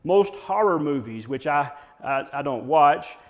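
Slow-preaching pastor, man. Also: a little high, lively intonation. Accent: American. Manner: slow, deliberate preaching with dramatic scripture readings. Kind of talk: sermon.

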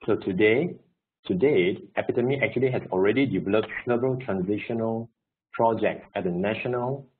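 A man's voice: on the low side, moderate pace, breathy edge. A man moderating an online event, formally reading out a speaker introduction. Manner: reads from a script, formal. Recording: tinny call audio.

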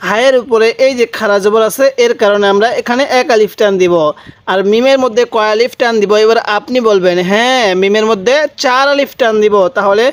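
High-voiced man teaching Quran letters. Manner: slow, drawn-out letter sounds, prompting viewers to answer. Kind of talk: Quran recitation lesson.

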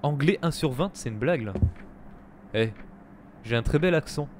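A man's voice: a little high, normal speed, slight background noise. Chatty man streaming a game live. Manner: chatty, talks to viewers, excitable reactions. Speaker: gaming streamer, host. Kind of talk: live let's-play commentary.

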